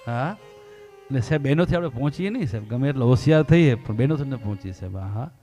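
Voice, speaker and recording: A man's voice: medium pitch, lively intonation, quick pace, soft background music. Man telling devotional stories. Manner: acts out story voices, swings from quiet to loud pleading. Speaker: religious storyteller. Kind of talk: devotional storytelling discourse.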